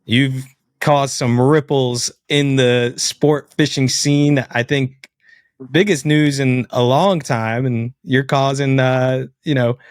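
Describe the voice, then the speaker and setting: A man's voice: mid-range voice, steady tone, slow pace, clear, resonant tone, no room sound, studio quality. Guy hosting a podcast interview, normal mid voice, chatty and casual.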